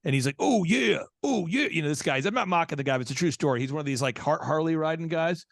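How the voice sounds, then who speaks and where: A man talking in a casual podcast conversation, telling animated stories and acting out the people he quotes. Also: on the high side, rapid-fire, no room sound, clean studio sound. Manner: animated storyteller who acts out quotes. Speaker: guest speaker and event organizer.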